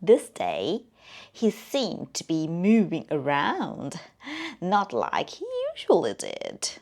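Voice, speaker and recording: Female storyteller, slow and lively, low voice that slips into whispers. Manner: slow, expressive, often drops to a whisper. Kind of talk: children's storytelling narration.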